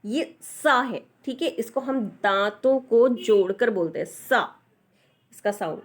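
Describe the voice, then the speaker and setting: A woman's voice: mid-range voice, animated, unhurried, darkish tone. A woman teaching the Hindi alphabet in a patient, explanatory way, repeating each letter and often checking in with the learner. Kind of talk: slow explanatory lesson.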